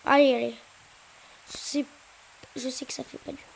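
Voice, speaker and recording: High-voiced woman, gameplay chatter. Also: normal speed, vocal fry, slight background noise, poor audio. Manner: chatty, hesitant fillers, sudden excited yelps. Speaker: gaming YouTuber. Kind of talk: casual gameplay commentary.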